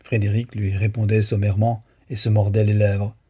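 Guy reading a novel audiobook, dark husky voice, steady. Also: fairly low pitch, moderate pace. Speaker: narrator.

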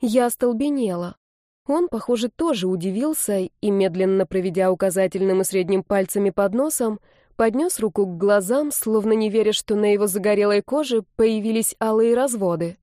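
A woman narrating an audiobook in the first person with an expressive storytelling manner. Her voice is warm and mellow, and the recording is close and dry with no room around it. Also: medium pitch, normal speed, no echo.

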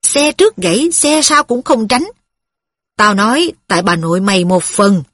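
Here is a bitter, quick-tempered widow, voiced by a woman reading a story. She scolds and resents in a fairly high, breathy voice. The sound is dry and close. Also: lively intonation, fairly bright tone, dry recording. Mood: scolding.

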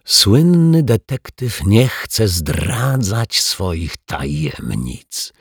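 A man voicing a sly, menacing male stage magician with a raspy voice, in a storybook reading. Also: on the low side, big pitch swings, dry recording, studio quality, full character voice. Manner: slow, mocking, teasing menace.

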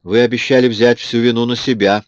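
A man voicing a selfish, angry young woman with a sharp, reproachful way of talking. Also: mid-range voice, fairly even intonation, a little fast, no room sound, pitched above the performer's own voice, natural voice. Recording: dull lo-fi audiobook recording.

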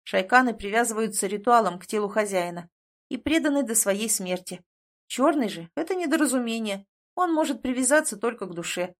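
A calm young prince explains matters plainly, voiced by a woman reading a fantasy audiobook. The voice stays close to her own. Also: a little high, fairly quick, close to an everyday voice. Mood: explaining.

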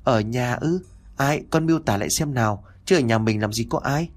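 A man's voice: medium pitch, normal speed, natural voice. A man doing an anxious young father. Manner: anxious, pleading questions.

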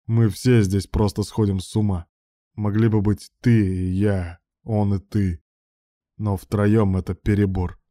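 A man's voice: lowish voice, little pitch movement, measured pace, warm tone, no room sound, studio quality, natural voice. A man voicing a drunk, sardonic young man who mocks everyone around him. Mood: drunk sneering. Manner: sneering, sarcastic.

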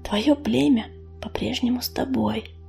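A woman voicing a shy, tender female forest cat in an audiobook, speaking timidly and in a hush. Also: fairly high pitch, unhurried, vocal fry, breathy edge, faint music behind, full character voice. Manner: timid, hushed.

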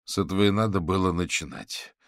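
Male reader as a deep, calm, dry detective sorcerer; unhurried. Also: dry recording.

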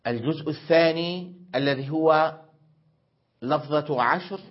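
A middle-aged man teaching grammar in a slow, measured way, repeating each example and stretching out words. His voice sits a little high for a man. The recording is dull and lo-fi. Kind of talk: classroom grammar lesson.

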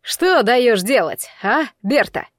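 A woman voicing a spiteful young bull-man who shouts and sneers. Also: fairly high pitch, expressive, slow pace, no room sound, studio quality. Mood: sneering.

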